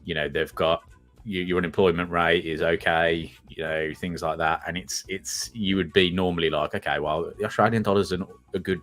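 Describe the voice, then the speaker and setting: A man co-hosting a trading show, thinking aloud in a measured way with many fillers. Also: deep voice, fairly even intonation, a bit bright. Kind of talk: casual market chat.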